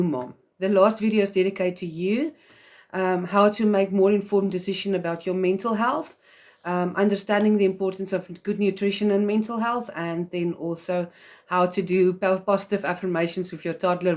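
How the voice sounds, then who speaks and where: This woman speaks in a lowish, somewhat dark voice, her English carrying a South African accent over native Afrikaans. Hosting a live broadcast for moms, she chats earnestly with viewers and leans on frequent fillers.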